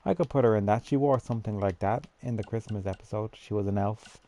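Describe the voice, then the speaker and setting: A man with a lowish, gravelly voice talks casually through a game, musing aloud and answering his own questions. His tone is dark and mellow. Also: fast. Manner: chatty, thinks aloud, talks to himself. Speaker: gamer building a character. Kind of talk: casual gameplay commentary.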